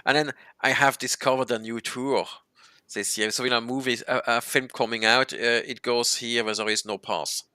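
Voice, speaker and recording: Bright, crisp-voiced man. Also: mid-range voice, steady tone, no room sound, studio quality. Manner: halting, restarts often, explains local words. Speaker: host. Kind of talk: casual chat.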